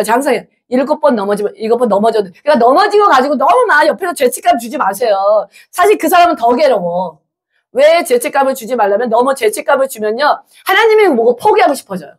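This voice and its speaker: A woman evangelist preaches an animated sermon in a church, firing rhetorical questions at the congregation. Her voice sits high, with a breathy, husky grain. She acts out quotes as she goes. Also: quick pace.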